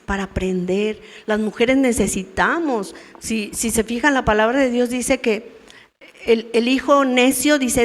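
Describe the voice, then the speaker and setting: A middle-aged woman teaching a women's church meeting in a conversational way, often asking her listeners questions. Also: medium pitch. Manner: conversational, asks the audience questions. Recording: long reverb of a church hall.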